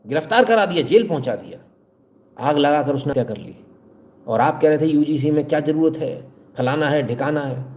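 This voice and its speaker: A man's voice: on the high side, dark tone. Sarcastic male news commentator. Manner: sarcastic, rhetorical, talks straight to viewers.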